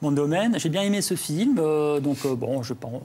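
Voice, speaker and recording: A comic book writer talking in a TV studio, hesitant and earnest, with many fillers. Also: male voice, on the high side, expressive, normal speed, darkish tone, a little hiss or hum. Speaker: comic book writer, festival jury member. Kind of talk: TV studio talk.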